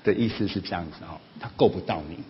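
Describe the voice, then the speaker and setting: A man giving a sermon-style parenting lesson at church, animated, often acting out family quarrels in a raised voice. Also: sits low, fast. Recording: slightly dull lo-fi recording with faint noise.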